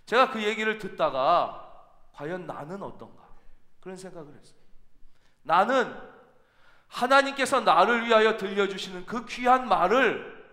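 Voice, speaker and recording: High, bright-voiced pastor in echoing hall. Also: male voice, expressive, normal speed. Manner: storytelling, acts out quoted dialogue with rising emotion. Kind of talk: sermon with anecdote. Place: large church hall. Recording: echoey church hall with long reverb.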